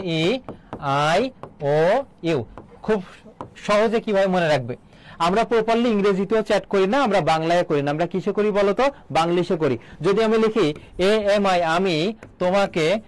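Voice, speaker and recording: A man's voice: sits high, no room sound, rough recording. A male teacher giving an online admission-prep lecture. He asks the students rhetorical questions, answers them himself, and mixes English words into his explanations.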